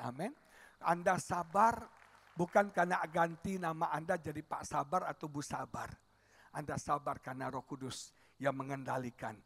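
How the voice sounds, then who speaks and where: A middle-aged man, preaching a sermon as a pastor. He is animated and tells stories, swinging from soft to loud. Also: on the high side, husky. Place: church stage.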